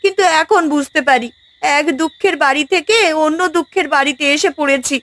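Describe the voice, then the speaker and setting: Cartoon: woman voicing a whiny, covetous young wife, high voice. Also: a little fast, a bit bright, no echo. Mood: self-pitying. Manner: complaining, self-pitying. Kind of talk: cartoon voice acting.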